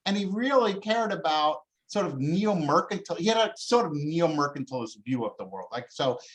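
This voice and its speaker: Animated man explaining in an interview. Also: on the high side, normal speed, poor audio. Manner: animated, lively explaining with many fillers and restarts. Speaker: interviewed scholar. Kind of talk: conversational interview answer.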